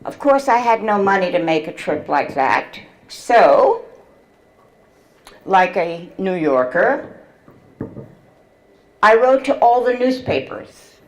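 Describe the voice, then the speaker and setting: A woman in her seventies, a memoir author reading from her book and telling her story to an audience in a slow, measured way. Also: medium pitch, sing-song, low-quality recording. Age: 70s.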